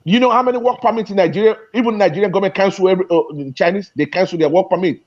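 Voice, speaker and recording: A man's voice: high voice, very fast, darkish tone, dull audio. A man debating heatedly in an online discussion, often repeating and restarting his phrases. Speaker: guest speaker in an online discussion.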